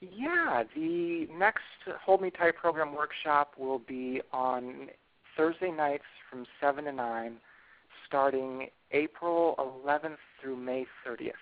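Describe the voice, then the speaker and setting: A man's voice: a little high, expressive, slow pace, creaky, no echo. A man who works as a couples counselor explains relationship patterns on a call, checking in often with tag questions. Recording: phone line.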